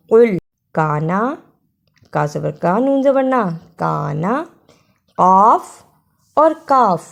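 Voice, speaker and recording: A woman's voice: on the high side, a little mellow. Woman teaching careful Quran recitation. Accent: Pakistani Urdu. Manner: slow careful letter-by-letter spelling, then melodic recitation.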